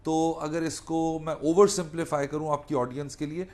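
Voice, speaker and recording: A law lecturer who also works as a defence attorney explains legal points in a didactic way, restating them and slipping in English legal terms. He has a Pakistani accent and a somewhat high, steady voice with a slightly mellow tone, speaking at a moderate pace.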